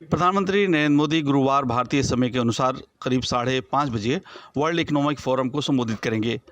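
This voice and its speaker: Male reporter, formal voice-over, mid-pitched. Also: fairly quick, no room sound. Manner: formal, even delivery. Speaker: news correspondent. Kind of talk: scripted news report.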